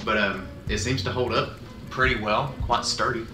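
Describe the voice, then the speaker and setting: A man's voice: medium pitch, steady tone, moderate pace. A man chatting casually as he co-reviews a product. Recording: distant mic, roomy echo, music behind. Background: music.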